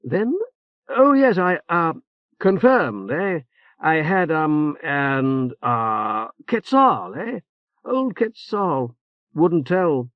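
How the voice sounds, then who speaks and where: Pitching well above his own voice, a man gives a heavily acted, very animated performance as a fretful older churchman in an audiobook. The slightly high voice stammers anxiously, fumbling with "uh" and "eh?" tags. There's no echo, though the recording sounds dull and muffled.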